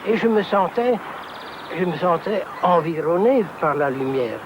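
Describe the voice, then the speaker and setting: A man's voice: high-pitched, lively intonation, a little slow, noisy background. A man giving a personal testimony in a hesitant way, with stumbling restarts and repeated words. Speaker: near-death experience witness.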